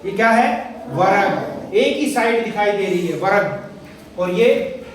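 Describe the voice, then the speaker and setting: A male schoolteacher leads his class in call-and-response, asking questions and repeating the answers back to them. He sounds distant from the mic in a heavily echoing classroom. Steady background noise sits under his voice. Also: sits high, takes it slowly. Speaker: primary school teacher. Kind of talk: classroom teaching. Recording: very echoey classroom, far from mic, noisy.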